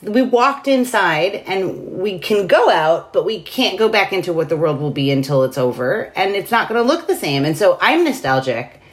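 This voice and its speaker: A woman born in New York City, hosting a casual conversation and talking in an animated way with many fillers. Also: normal speed, hardly any pauses. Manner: animated, many "like" fillers, big pitch swings.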